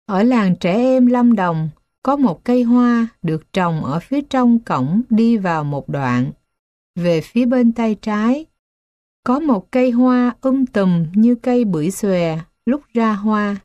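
A woman reads children's stories in a slow, unhurried way. Her voice is mellow and warm, and she keeps a gentle storybook manner. The sound is dry and a little dull. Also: fairly high pitch, expressive, dry recording. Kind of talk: scripted narration of children's stories.

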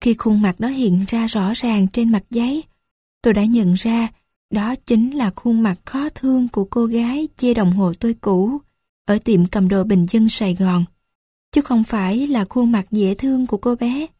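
A woman reading a first-person story aloud at a slow, unhurried pace. Her voice is mellow and breathy, recorded dry and close. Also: a little high, no room sound. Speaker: audiobook narrator.

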